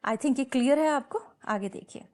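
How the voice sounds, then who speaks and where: A woman's voice: high-pitched, moderate pace, darkish tone. A woman teaching an English lesson, switching between Hindi and English and patiently repeating example words. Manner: mixes Hindi and English, checks understanding with repeated questions. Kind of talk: classroom lesson explanation.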